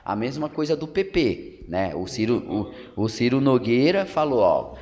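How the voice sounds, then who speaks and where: With a sing-song, medium-pitched voice at a measured pace and a slightly mellow tone, this thirties journalist from Pernambuco, Brazil chats about politics as a podcast guest. He explains things at length, peppered with fillers and tag questions, in a council building room full of long hall reverb.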